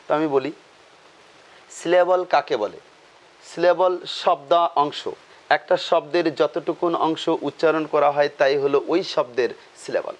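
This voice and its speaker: A man's voice: on the high side, moderate pace. A man teaching a grammar lesson, asking questions and answering them himself, repeating key terms.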